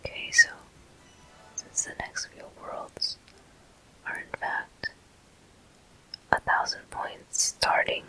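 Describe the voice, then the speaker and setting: A gaming host offers gentle, soothing ASMR commentary in an unhurried, breathy, unvoiced whisper. The audio quality is poor.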